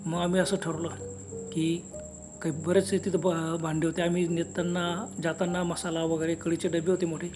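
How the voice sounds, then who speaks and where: A man with a notably high voice tells a spooky tale as if chatting with friends, easy and unhurried. Music plays clearly beneath him, with crickets chirping. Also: flat delivery. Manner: conversational, unhurried storytelling. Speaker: storyteller. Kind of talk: first-person horror story narration. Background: background music and crickets.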